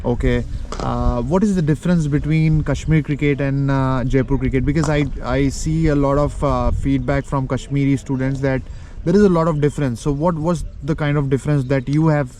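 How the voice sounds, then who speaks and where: A man's voice: mid-range voice, fairly even intonation, moderate pace, few pauses, mellow. Indian-accented male interviewer, faint noise. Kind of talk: conversational interview. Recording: faint background ambient noise.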